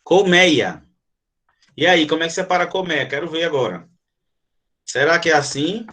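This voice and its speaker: A man's voice: fairly high pitch, a little fast, sharp tone. A Brazilian man teaching an online grammar lesson, explaining step by step and asking the class questions. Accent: Brazilian Portuguese.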